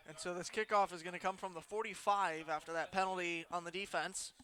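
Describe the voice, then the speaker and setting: Bright-voiced young man calling a football game. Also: sits high, fairly quick. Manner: excited calls on big plays, dry banter between. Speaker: play-by-play announcer. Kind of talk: high school football play-by-play commentary.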